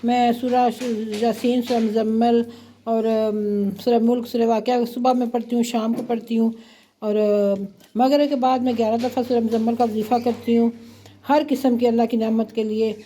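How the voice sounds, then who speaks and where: A woman's voice: fairly high pitch, flat delivery, normal speed, dark tone, a little hiss or hum. Chatty middle-aged woman with a sore throat. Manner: chatty, homely, with frequent religious phrases. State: sore throat, voice a little heavy. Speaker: cooking and home vlogger. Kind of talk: casual home vlog narration. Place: home kitchen and courtyard.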